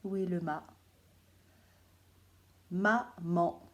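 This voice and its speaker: A woman from France giving a phonics lesson to young children, speaking slowly and clearly and repeating each word. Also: mid-range voice, animated, mellow. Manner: slow, clear, repeats words syllable by syllable. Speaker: primary school teacher.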